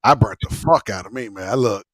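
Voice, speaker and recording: A man hosts a casual live smoke-session stream, rambling, repeating himself, using slang and swearing often. His voice is lowish, fairly bright and slightly rough, at a normal speed. The recording is studio quality with no room sound.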